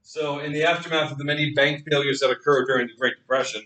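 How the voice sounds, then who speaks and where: Quick-paced and medium-pitched, an economics lecturer's voice carries from far off through an echoey room with slight background noise. He animates the class with stories, small staged scenes and questions for his students.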